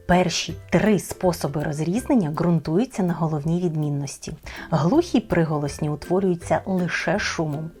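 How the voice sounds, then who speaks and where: A woman teacher explaining speech sounds in a clear, deliberate children's lesson. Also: lowish voice, warm tone.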